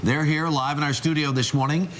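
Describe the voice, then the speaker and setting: A man anchoring a morning news show, introducing a segment and interviewing guests in the studio in a brisk, jokey way. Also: a little high, steady tone, fairly bright tone, slight background noise.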